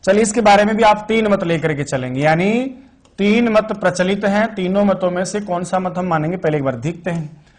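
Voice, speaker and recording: In this online exam-prep lecture on Sanskrit grammar, a high-voiced man fields his own questions and drills the important terms by saying them again.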